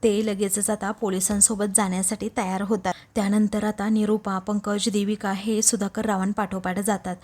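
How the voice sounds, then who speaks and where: A woman retelling a TV serial episode as a narrator, at a brisk storytelling pace, acting out the characters' lines with feeling. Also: mid-range voice, little pitch movement, a little mellow. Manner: brisk storytelling with emotional quoted dialogue.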